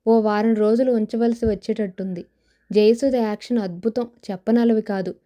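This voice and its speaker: A woman's voice: a little high, fairly even intonation, normal speed, warm tone, lightly acted. A woman voicing a chatty man who works for a cinema and talks up its films, in an audio novel. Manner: chatty, enthusiastic about films. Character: chatty grown man, cinema worker on a scooter.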